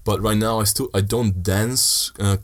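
In a casual podcast chat, a young male guest talks in halting, measured phrases. His voice is very low and deep, and his intonation stays flat.

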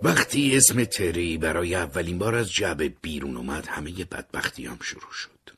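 A young man narrating a scripted story in a measured way, sometimes sinking to an unvoiced whisper. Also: low-pitched, lively intonation, fairly bright tone, faint music behind. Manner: measured, dropping to unvoiced whispers in tense moments.

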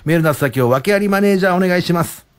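A man's voice: sits high, very fast. A man hosting a radio show, joking and teasing his guests in playful banter. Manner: playful, teasing, mock-boastful.

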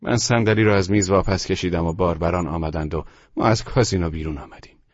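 A man narrating an audiobook in a lively, acted reading style. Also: low-pitched, dry recording, dull audio. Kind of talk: scripted narration.

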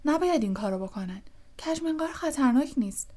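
A woman's voice: high voice, expressive, darkish tone, pitched above the performer's own voice. A woman voicing an upset teenage boy wizard protesting urgently in an audiobook. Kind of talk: audiobook character voice.

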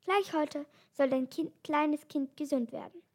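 A woman reading aloud and voicing a kind, gentle male animal doctor who asks for help. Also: sits high, unhurried.

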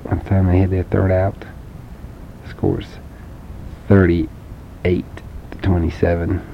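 Low-voiced man telling a playful story. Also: level tone, slow pace, gravelly. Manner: playful, with sound effects and questions to the listener. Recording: dull lo-fi home recording with faint rumble.

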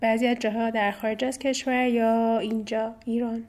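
Higher-pitched Iranian Persian woman interviewer. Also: little pitch movement, darkish tone. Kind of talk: conversational interviewing.

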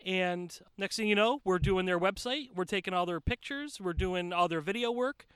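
A man's voice: sits high, normal speed, fairly bright tone, clean tone, dry recording. An American man telling anecdotes informally as a podcast guest, joking and repeating words for emphasis, recorded outdoors. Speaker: podcast guest, wrestler and manager. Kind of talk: casual anecdotal storytelling. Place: outdoors in a shaded backyard.

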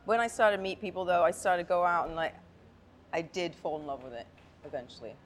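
A woman in her thirties from Thailand and Hong Kong appears as a guest artist on a casual interview podcast, chatting frankly and laughing often. Her voice is lowish and fast. Faint background noise sits under the recording.

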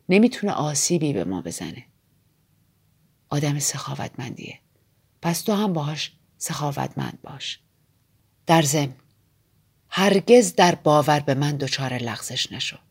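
A woman reading an audiobook voices a brooding aristocratic man in a low, soft, often whispered voice. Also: breathy edge, heavily acted.

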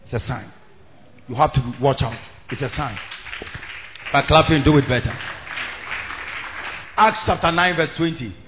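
A man's voice: fairly high pitch, measured pace, long pauses, crowd noise, noisy background. A man with a Ghanaian accent preaching an impassioned evangelistic sermon, emphatic and repetitive, switching between English, Twi and Ghanaian pidgin. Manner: emphatic, repetitive, rising to shouts. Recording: thin phone-like sound, faint music.

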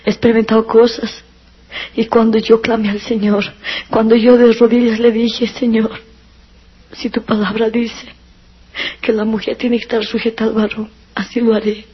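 A woman's voice: on the high side, flat delivery, moderate pace, pauses often, husky. A woman giving a personal religious testimony, earnest and emotional, sometimes near tears, on a dull lo-fi recording.

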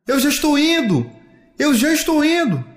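A man voicing Adrien, an eager young boy who keeps calling out in a high voice for his father. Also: big pitch swings, normal speed. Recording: echoey room.

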